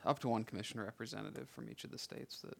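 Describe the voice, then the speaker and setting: A man on staff explaining a committee process in a flat, informative way. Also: lowish voice, very fast, creaky.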